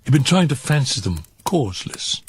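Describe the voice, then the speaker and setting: Very animated and natural-sounding, a man plays a crafty, deranged killer confessing in a gothic horror story told as if by the fire, with slight background noise. Gravel-low, his voice breaks into whispers and shrill cackles as he stretches words out dramatically and lurches between fast and slow, high and low. The atmosphere stays grim and hushed.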